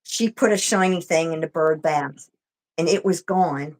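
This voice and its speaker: A woman's voice: deep voice, a little slow. A woman co-hosting a casual livestream chat, conversational with short agreeing replies. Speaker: livestream co-host.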